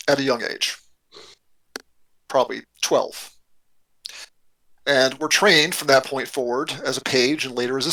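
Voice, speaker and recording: A man narrating as game master of a tabletop role-playing game, halting and repeating words as he sets the scene. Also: medium pitch, creaky, bright, forceful tone, poor audio.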